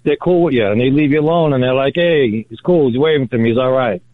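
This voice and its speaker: A man's voice: medium pitch, fast. A man phoning in to a radio show as a caller, talking in a blunt, riled-up, casual way. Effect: phone-line caller on a radio show. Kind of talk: casual call-in chat. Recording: tinny phone line.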